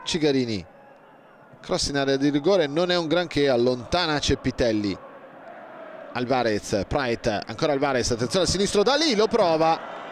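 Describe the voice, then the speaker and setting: A man commentating on football in breathless, excited goal-call style, shouting and stretching out his words. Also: medium pitch, moderate pace. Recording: crowd roar and stadium noise behind. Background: loud stadium crowd.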